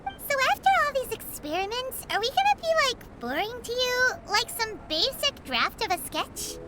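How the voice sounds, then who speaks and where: A woman voicing a small, childlike, excitable fairy companion in a video game, squeaky and expressive, blurting out her lines. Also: moderate pace, very noisy. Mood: curious. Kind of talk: scripted video game character dialogue. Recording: game audio with loud music behind. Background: music.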